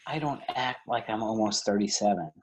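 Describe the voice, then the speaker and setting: A man in his thirties with a lowish voice co-hosts a beer podcast at a moderate pace. He keeps the chat casual, joking around and teasing.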